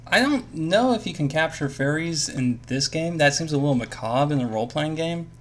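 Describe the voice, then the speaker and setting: A man narrating as game master of a tabletop game, relaxed and unhurried, with plenty of fillers. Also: a little high, slight background noise.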